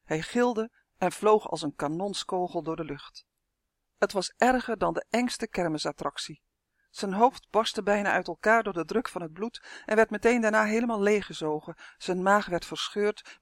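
A woman reading a children's story aloud in a lively, expressive way. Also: lowish voice, dry recording, clean studio sound. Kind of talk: storybook narration.

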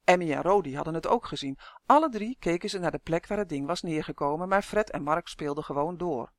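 A narrator reading a children's storybook aloud in a steady, clear telling. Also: mid-range voice, fairly quick, dry recording, clean studio sound. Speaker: audiobook narrator.

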